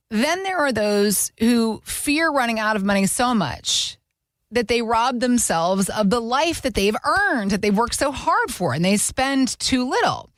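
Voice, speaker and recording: A woman's voice: fairly high pitch, no echo, studio quality. A woman co-hosting a finance podcast, reading and asking questions in an upbeat, chatty way with frequent affirming interjections. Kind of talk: casual podcast conversation.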